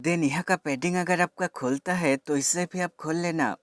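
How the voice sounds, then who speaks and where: A slightly high male voice comes through clean studio sound with no room tone, over soft background music, at a moderate pace. He's doing a product demonstration voice-over, explaining a tech product step by step and treating viewers like friends.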